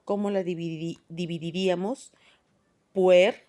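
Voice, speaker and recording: Lady teacher, slow and patient, keeps asking right? after each point. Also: on the low side, darkish tone. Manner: patient, explains step by step with frequent tag questions. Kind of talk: classroom grammar lesson. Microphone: phone voice recorder.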